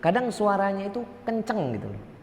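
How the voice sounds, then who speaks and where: Sing-song and high-pitched with vocal fry, this ustadz talks a little fast as he preaches to a mosque study circle, joking and quizzing the congregation in a conversational manner. He has a Medan Indonesian accent from North Sumatra, and the large mosque hall gives the recording a long, echoey reverb.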